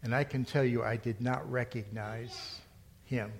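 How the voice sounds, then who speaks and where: A man's voice: mid-range voice, fairly even intonation, unhurried, a little hiss or hum. A middle-aged male pastor preaching a sermon in a conversational storytelling way, rising to emphatic points. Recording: long hall reverb.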